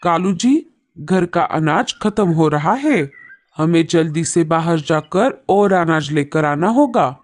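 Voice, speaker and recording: A woman voicing a caring, protective mother bird in a cartoon, speaking softly and soothingly. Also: fairly low pitch, animated, takes it slowly, no echo. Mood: worried.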